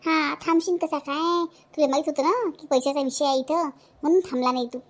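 A high-pitched, sharp-tongued cartoon mother, voiced by a woman, scolding in a broad Vidarbha accent. She is a widow at the end of her patience, nagging and berating her idle grown son. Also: fairly even intonation, fairly quick, close to an everyday voice. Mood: furious scolding. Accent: Vidarbha Marathi. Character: scolding widowed village mother, middle-aged, fierce. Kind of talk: cartoon voice acting.

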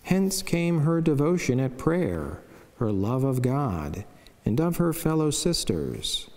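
A middle-aged Franciscan friar and priest, his voice soft, mellow and medium-pitched with a sing-song lilt, gives a solemn, measured scripted reading of a saint's life. He reads at a lectern microphone inside a wood-panelled chapel, where a long reverb surrounds every word.

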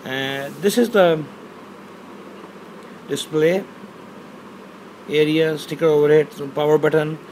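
A man with a slightly high, darkish voice unboxes a product in Urdu, speaking slowly and steadily with frequent pauses and plenty of fillers as he reads the box labels. He's in a small bedroom with a handheld phone camera, and the low-quality recording has a little hiss or hum.

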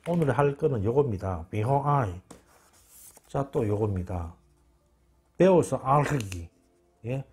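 A man's voice: mid-range voice, expressive, unhurried, darkish tone, breathy edge, soft background music. Emphatic man repeating words. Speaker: channel host. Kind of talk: informal spoken lecture.

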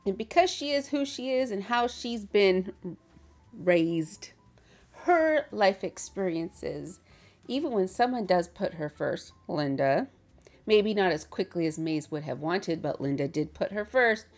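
A woman chatting casually as she hosts a reaction video from her bedroom, animated and laughing often. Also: mid-range voice, measured pace, faint music behind.

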